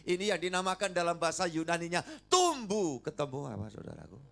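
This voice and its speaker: An older man preaching a sermon, animated and coaxing the congregation to respond. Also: a little high, quick pace, gravelly. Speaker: pastor. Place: church service.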